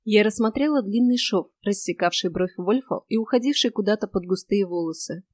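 A woman's voice: mid-range voice, a little fast, no echo, clean studio sound. Wry woman narrating an audiobook. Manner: lively, wry first-person telling.

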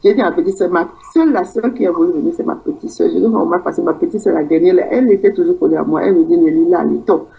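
A woman with a Cameroonian French accent speaks as a guest, giving personal testimony in conversation. Her fairly low, warm, creaky voice comes rapid-fire with hardly any pauses, and the highs are cut off. She tells her story in a rambling way and acts out the dialogue she quotes.

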